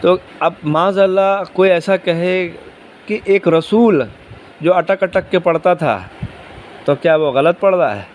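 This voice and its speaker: Man, religious teacher, Quran commentary, slightly high pitch, patient repeated explanations, faint street noise. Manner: explains slowly, repeating key words and asking questions.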